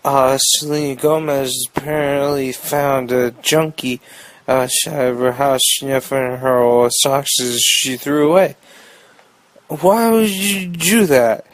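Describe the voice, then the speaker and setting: Slow-talking young man joking through news. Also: medium pitch, no room sound. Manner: rambling, jokey, fond of puns. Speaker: podcast host. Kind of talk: improvised comic news monologue.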